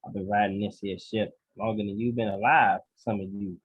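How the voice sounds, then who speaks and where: A man co-hosting a casual comedy podcast over a video call, joking and laughing often, his voice trailing off low. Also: steady tone, fairly quick, breathy edge, dry recording, narrow, tinny audio. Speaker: podcast co-host.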